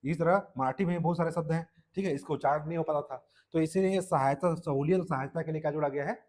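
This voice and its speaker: An exam-prep Hindi teacher with a Chhattisgarhi Hindi accent gives a classroom lecture for exam students. His voice is fairly high, fast and darkish in tone, and he keeps repeating "ठीक है" to check in while quizzing his listeners.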